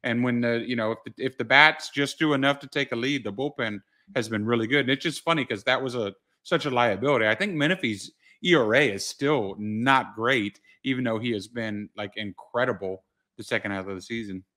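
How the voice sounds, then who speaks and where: A man's voice: mid-range voice, brisk, bright, forceful tone. A man co-hosting a sports podcast as a writer, chatting casually and saying "you know" often.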